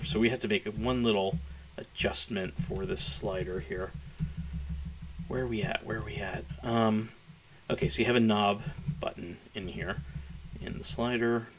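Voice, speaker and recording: Man, hoarse gravelly voice, a bit low, chatty coding tutorial, thinking aloud. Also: a little hiss or hum. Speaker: programmer streaming a coding tutorial. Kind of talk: casual live-coding walkthrough. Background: keyboard typing.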